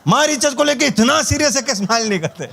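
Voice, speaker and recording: A man's voice: very high voice, animated, fast, vocal fry, pushed and bright. A man leads a network marketing training session. He tells stories, acts out the dialogue, and chuckles through a light, humorous talk. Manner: storytelling with acted-out dialogue and chuckles.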